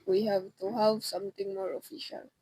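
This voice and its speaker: A young woman in her teens playing a formal, unhelpful chief telephone operator in an amateur radio drama, polite and measured. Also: mid-range voice, level tone, mellow, breathy edge, no room sound, lightly acted, poor audio. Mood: politely firm. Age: teenager.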